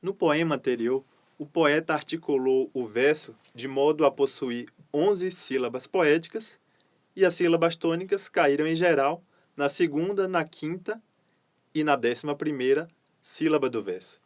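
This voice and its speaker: Man teaching poetic meter, fairly high voice. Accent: Brazilian Portuguese. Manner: measured, explanatory, reads poems louder and rhythmic. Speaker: poetry course teacher. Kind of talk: lecture with poetry readings.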